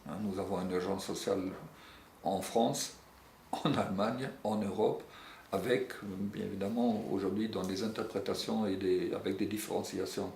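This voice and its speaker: In an interview about European social policy, the secretary general of a European civil society network, a middle-aged man, speaks earnestly in a low, steady, gravelly and slightly mellow voice. He frequently stalls on "euh" and restarts as he hunts for words. Faint noise sits in the background of an echoey room.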